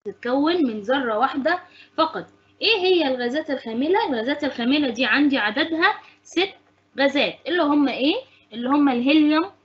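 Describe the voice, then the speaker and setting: A high-pitched woman with an Egyptian accent explains a science lesson to students. She poses questions and answers them herself, going back over each point. The recording sounds somewhat dull and muffled. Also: a bit bright. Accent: Egyptian Arabic. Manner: asks and answers her own questions, repeats points. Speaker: science teacher.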